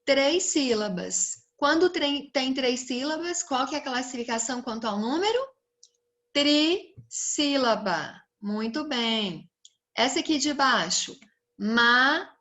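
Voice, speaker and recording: A woman's voice: high voice, animated, unhurried, fairly bright tone. A young Brazilian woman teaching a recorded lesson to children, stretching out words and asking the pupils questions. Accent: Brazilian Portuguese.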